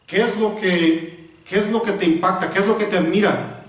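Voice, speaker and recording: A man's voice: sits high, steady tone, moderate pace. A male pastor preaching a sermon. He often asks the congregation rhetorical questions and repeats words for emphasis. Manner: stops to correct himself and repeats words for emphasis. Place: church. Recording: very echoey church hall, voice from a distance.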